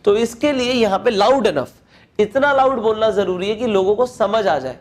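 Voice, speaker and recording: A man with a Hindi accent giving a spoken English lesson, explaining step by step and reading English phrases slowly aloud. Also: high voice. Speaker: English teacher.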